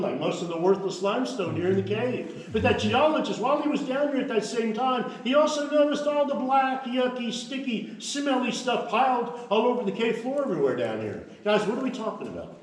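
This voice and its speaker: A man's voice: high voice, expressive, moderate pace. A man leading a cave tour, telling the story in a folksy, joking way and calling his group folks and guys, his voice ringing in cave echo. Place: inside a large cave. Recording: cave echo, voice far from the mic, faint noise.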